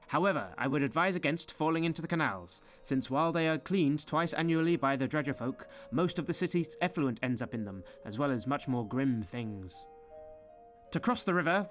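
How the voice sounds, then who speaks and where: A man's voice: on the high side, close to an everyday voice. A man playing Fingerless Piot, sardonic guide. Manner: theatrical, sardonic, relishing grisly details. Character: sly grim male city tour guide with hooks. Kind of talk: scripted fantasy narration.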